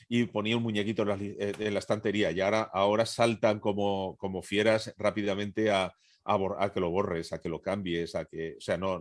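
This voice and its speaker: Low-voiced Spanish man, close dry sound. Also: no room sound. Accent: Spanish from Spain. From Spain. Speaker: comic artist being interviewed. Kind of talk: casual, halting chat.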